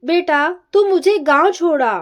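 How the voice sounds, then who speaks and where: A woman's voice: very high voice, measured pace, lo-fi sound. A woman voicing an angry older mother-in-law who scolds in a raised voice while reading a story. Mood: angry, scolding.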